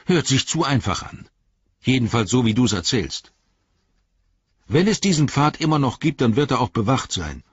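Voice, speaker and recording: A man's voice: mid-range voice, sing-song, normal speed, breathy edge, dull audio, pitched above the performer's own voice. A man voicing the hobbit Sam in an audiobook, blunt and distrustful. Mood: suspicious. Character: grumbling loyal hobbit Sam, male, suspicious. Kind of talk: audiobook character voice.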